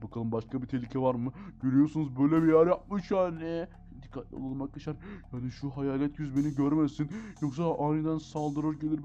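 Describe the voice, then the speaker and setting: High-voiced, fast-talking excitable gamer man. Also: dull audio. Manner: excitable, keeps calling out to viewers, gasps at scares. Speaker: gaming channel host. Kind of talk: excited Let's Play commentary.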